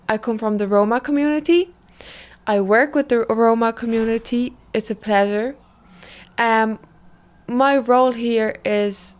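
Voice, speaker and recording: A young woman, a program assistant talking easily about her work for a documentary. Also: on the high side. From Ireland. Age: young adult. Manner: chatty, easygoing explanations. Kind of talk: documentary interview. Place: outside a busy office.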